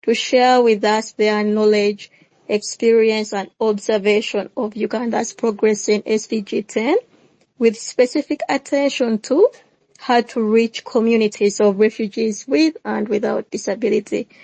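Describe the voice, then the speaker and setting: A woman's voice: on the high side, steady tone, a little slow, dark tone, no echo, low-quality recording. A woman hosting a panel discussion, reading a formal introduction. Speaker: host, moderator.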